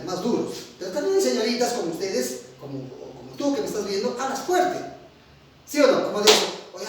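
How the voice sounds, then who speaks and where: A middle-aged male teacher giving an online lecture, animated, swinging between loud and quiet, often asking his students if they follow. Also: sits high, slight background noise. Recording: very echoey room, voice from far off.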